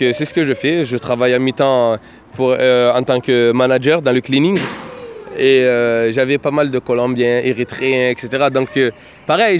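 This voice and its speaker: A man's voice: medium pitch, a little hiss or hum. Rambling man telling his story outdoors. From Marseille, France. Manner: rambling, full of fillers and "et cetera". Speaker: interviewee. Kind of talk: casual storytelling. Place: outdoors in a city neighbourhood.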